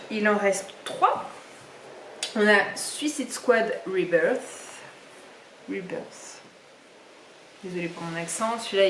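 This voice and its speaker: A woman's voice: medium pitch, a little hiss or hum. Chatty young woman, echoey room. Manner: chatty, rambling with many fillers. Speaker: book vlogger. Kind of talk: casual reading vlog chat. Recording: echoey room, somewhat far from mic.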